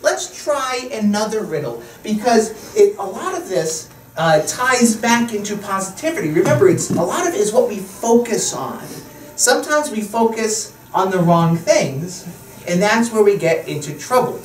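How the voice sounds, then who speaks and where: A man's voice: sits high, animated, moderate pace. A man in his thirties doing playful, teasing kids' party magician patter and encouraging his helpers in a school classroom. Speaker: magician and presenter. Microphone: distant camera. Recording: echoey, distant, noisy room.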